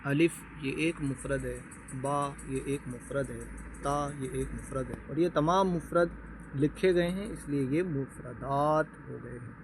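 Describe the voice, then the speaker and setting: A man teaching a beginners' Quran reading lesson, patiently explaining terms, checking with his listeners, and slowly sounding out Arabic letters one by one. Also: medium pitch, background noise.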